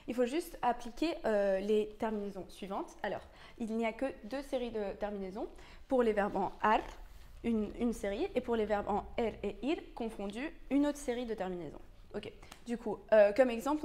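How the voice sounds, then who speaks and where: A woman's voice: on the high side, darkish tone. A young woman explaining verb conjugations in a casual, patient way, with frequent hesitations and restarts. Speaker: language teacher. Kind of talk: explaining Spanish grammar in French.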